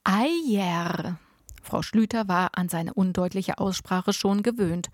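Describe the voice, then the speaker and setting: A woman narrating a novel in the first person with a lively, expressive reading. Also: on the low side, unhurried, no echo, clean studio sound. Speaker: audiobook narrator.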